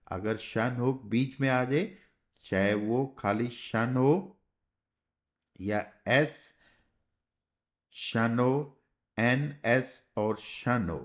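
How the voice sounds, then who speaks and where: A man teaching a shorthand class, explaining step by step in a patient way and often checking with "okay". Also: mid-range voice. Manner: slow, patient, spells out sounds and checks with "theek hai". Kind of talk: classroom lesson.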